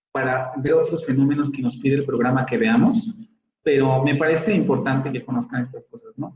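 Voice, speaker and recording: A man with a Mexican Spanish accent lecturing a university phonetics class, explaining points and repeating example words to model their pronunciation. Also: fairly high pitch. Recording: roomy, slightly dull audio with faint ambience.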